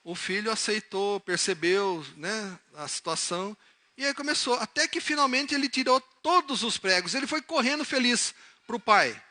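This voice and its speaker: Animated pastor, bright high voice. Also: male voice, moderate pace. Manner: swings from loud emphatic exhortation to soft low storytelling, acting out characters. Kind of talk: sermon with illustrative stories. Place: church service, live-streamed.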